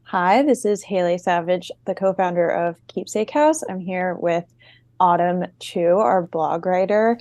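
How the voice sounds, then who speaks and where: A young woman hosts a relaxed interview with an upbeat, playful manner, teasing her guest and keeping the talk moving. Her voice is close and dry, with almost no room sound. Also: fairly low pitch, measured pace, no echo, faint music behind. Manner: upbeat, playful, laughs easily. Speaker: host, co-founder. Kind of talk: casual interview hosting.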